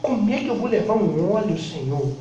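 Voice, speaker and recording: A man with a very high voice gives a fervent church testimony, acting out the people in his story and bursting into shouts. He is from Brazil. The sound is very echoey and distant, picked up from across a church hall. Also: expressive, brisk, dull audio, a little hiss or hum. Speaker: church member giving testimony. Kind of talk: impassioned testimony preaching. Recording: very echoey hall, mic far off.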